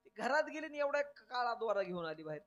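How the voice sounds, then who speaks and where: Brief: male devotional preacher, very high voice, lively storytelling mixed with chanted verse. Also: fast talker, lo-fi sound. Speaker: kirtan preacher. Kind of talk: devotional kirtan sermon with sung verses.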